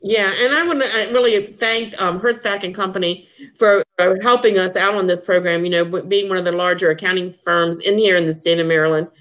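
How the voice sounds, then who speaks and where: A woman's voice: lowish voice, fairly even intonation, fairly quick, fairly bright tone. A woman hosting a casual chat about upcoming member events, enthusiastic and full of fillers and restarts. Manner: enthusiastic, repeats herself with many fillers. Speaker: association president hosting.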